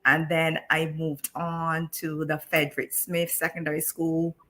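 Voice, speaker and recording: A woman's voice: deep voice, flat delivery, a little slow, pushed and bright. A woman in her thirties from Barbados, a teacher telling her story as a guest on a live-streamed interview, chatty with many restarts.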